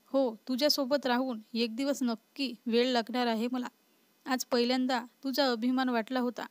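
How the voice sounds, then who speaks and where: A woman's voice: a little high, level tone, normal speed, no room sound, natural voice. A woman voicing a short-tempered, protective young husband in a storybook reading, in a scolding, exasperated manner. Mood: angry.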